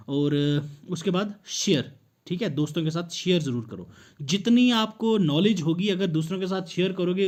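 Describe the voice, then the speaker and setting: Hindi-coaching teacher, higher voice. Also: male voice, a little mellow. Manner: addresses viewers as sir, checks in with "clear?"; mixes Hindi with English phrases. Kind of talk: exam prep lesson with MCQs.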